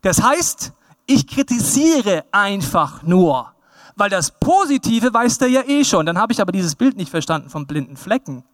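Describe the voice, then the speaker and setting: Pastor in his thirties, high voice, dry close sound, lively sermon with acted-out quotes. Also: moderate pace, no room sound. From Bavaria. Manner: lively, animated, acts out quoted people in raised voice.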